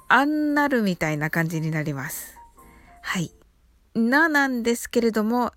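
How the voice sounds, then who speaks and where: A woman hosting a podcast English lesson, talking politely and chattily with soft fillers. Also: a little high, no echo. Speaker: host of an English-learning podcast.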